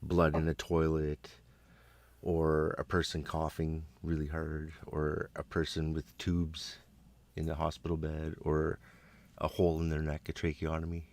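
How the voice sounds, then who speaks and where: A man's voice: rumbling low, monotone, a little slow, darkish tone. A man from Canada in casual, profane chat, talking bluntly and rambling through his complaints.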